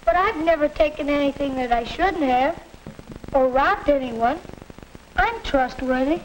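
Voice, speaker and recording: An earnest American schoolboy played by a young actor in a 1950s instructional film. The voice is high and plainspoken, on a noisy vintage soundtrack. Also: animated, unhurried. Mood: indignant. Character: earnest young schoolboy questioning his father.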